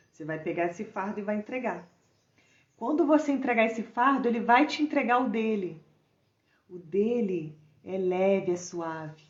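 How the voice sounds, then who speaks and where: A woman's voice: a little high, muffled recording. Brazilian woman preaching in a roomy echo. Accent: Brazilian Portuguese. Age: adult mother. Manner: conversational, addresses listeners as "gente", asks rhetorical questions. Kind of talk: informal sermon.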